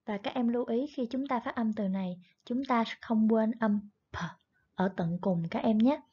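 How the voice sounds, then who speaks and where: A woman's voice: a little high, normal speed, breathy edge. A woman teaching a primary English class online, patiently explaining words and repeating each one twice. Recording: dull lo-fi recording.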